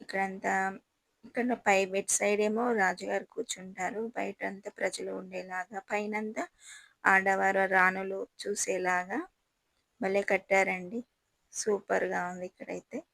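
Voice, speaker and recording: A woman's voice: medium pitch, little pitch movement, unhurried, gravelly, fairly bright tone, no room sound, rough recording. A woman gives a chatty, admiring guided tour and talks straight to her viewers. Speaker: travel vlogger touring a palace. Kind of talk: casual guided tour narration.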